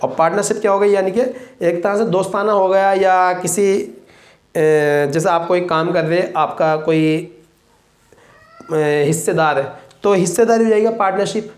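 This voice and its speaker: A man's voice: high-pitched, fairly even intonation, normal speed. A man, teaching a classroom vocabulary lesson and drilling students with repeated questions. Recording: roomy echo.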